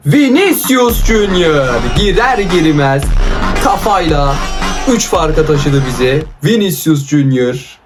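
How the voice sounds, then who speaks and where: A young man giving chatty, excitable commentary over his own football video game match as a gaming YouTuber. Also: mid-range voice, slight background noise.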